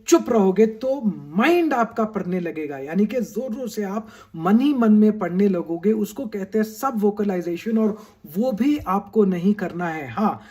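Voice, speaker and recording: A man with a high-pitched voice gives a study skills lesson, speaking straight to students. He often checks in with "right?" and switches into English phrases mid-sentence. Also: darkish tone. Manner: mixes English phrases into Hindi. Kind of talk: motivational video lesson.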